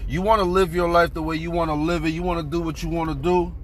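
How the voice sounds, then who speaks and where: A man's voice: a little high, little pitch movement, fast, a little hiss or hum. A man in his thirties telling a story in a casual, profane, heated rant, recorded on a phone camera in a car. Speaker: vlogger.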